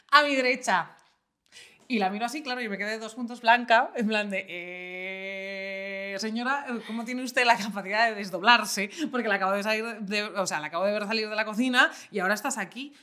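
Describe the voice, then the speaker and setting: Bright, lively young woman. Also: mid-range voice, quick pace. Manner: animated storyteller, acts out her own panic. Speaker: podcast host. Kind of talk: casual chat.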